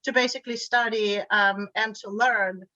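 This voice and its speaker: A woman's voice: medium pitch, steady tone, moderate pace, sharp tone, no echo, dull audio. A middle-aged woman from Bulgaria, a guest in an interview, speaking fluently but often repeating words as she restarts. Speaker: guest, energy grid board chair. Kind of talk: remote interview conversation.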